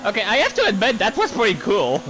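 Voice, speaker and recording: A gaming YouTuber whose first language is French comments casually while playing a racing game, rambling, easily distracted and breaking into quick, sudden outbursts. His voice is high-pitched, pushed and bright with wildly swooping pitch. The low-quality recording carries gameplay audio with clear engine noise.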